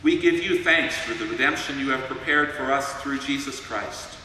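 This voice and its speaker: Male pastor, solemn liturgy, cathedral echo, bright ringing voice, distant long reverb. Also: mid-range voice. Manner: measured, solemn liturgical delivery. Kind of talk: intoning a church liturgy. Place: large church. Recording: echoey church hall from far off, faint hiss.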